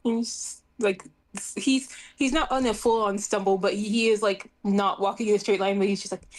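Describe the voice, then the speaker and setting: A woman's voice: medium pitch, steady tone, moderate pace. Giggly woman describing her character. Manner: giggly, rambling with many fillers. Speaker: player. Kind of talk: casual tabletop role-play chat.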